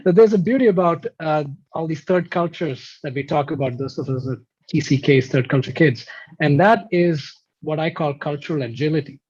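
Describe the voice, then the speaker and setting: A man from Kuwait talks reflectively as an interview guest, explaining his ideas step by step. His slightly high voice is husky. The sound is dull and lo-fi, like call audio. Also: normal speed, a little mellow. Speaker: guest musician. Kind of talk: conversational interview.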